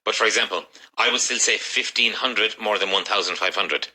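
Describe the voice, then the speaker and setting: Irish-born male English teacher, bright tone, low-ish voice, brisk corrections. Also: breathy edge, rough recording. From Ireland. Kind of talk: classroom drilling.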